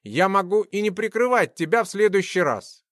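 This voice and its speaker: A touchy werewolf comrade who bristles at a nickname, as a male reader voices him. The huffy lines are close and dry, with a lively rise and fall. It is audiobook fantasy. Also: high-pitched, normal speed, no room sound. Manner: indignant, huffy.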